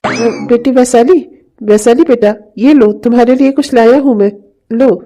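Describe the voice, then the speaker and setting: A woman doing a kindly cartoon dad with a mellow, fairly high voice. He speaks gently and pleads rather than argues. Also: moderate pace, lightly acted. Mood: gentle pleading. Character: soft-hearted middle-aged father. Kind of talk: cartoon voice acting.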